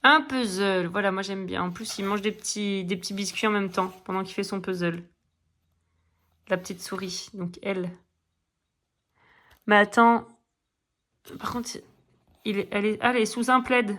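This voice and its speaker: A woman's voice: medium pitch, fairly even intonation, normal speed, pauses often, fairly bright tone. A middle-aged woman chatting casually in a coloring vlog, rambling with many fillers and restarts. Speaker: coloring vlogger. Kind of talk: casual chat.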